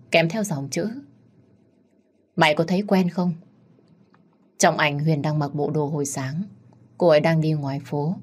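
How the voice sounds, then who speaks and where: A woman narrating a story in a steady, scripted storytelling manner. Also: low-pitched, breathy edge.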